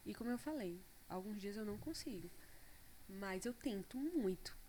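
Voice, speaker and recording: A woman talking in a relaxed conversation, reflective, with frequent fillers. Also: medium pitch, moderate pace, a little hiss or hum. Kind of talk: casual conversation.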